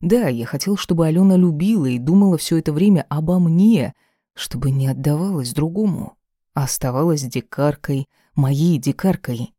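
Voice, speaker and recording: A man reading a first-person romance novel aloud in a steady, intimate manner. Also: a little high, moderate pace, no room sound, studio quality. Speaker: audiobook reader.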